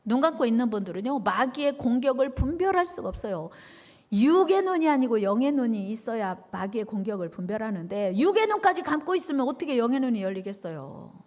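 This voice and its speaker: A woman's voice: fairly high pitch, lively intonation, fast, few pauses, a little mellow. A woman pastor preaching a sermon, leading the congregation in call-and-response with emphatic repetition.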